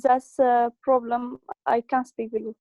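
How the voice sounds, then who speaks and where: Hesitant high-voiced woman, muffled sound. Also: flat delivery, moderate pace, no room sound. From Iraq. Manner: hesitant, broken phrasing. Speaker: language learner. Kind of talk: casual conversation.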